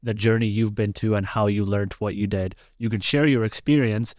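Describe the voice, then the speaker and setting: A man co-hosting a business podcast, chatty and animated, telling stories with easy laughter. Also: lowish voice, normal speed, no room sound, studio quality. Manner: animated storyteller, laughs easily. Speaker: podcast co-host. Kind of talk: casual podcast conversation.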